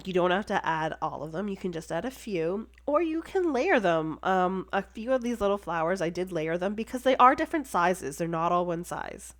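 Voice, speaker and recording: A woman with a stuffy, congested voice, chatting enthusiastically as she talks through making a card. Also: on the low side. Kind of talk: casual crafting tutorial voice-over.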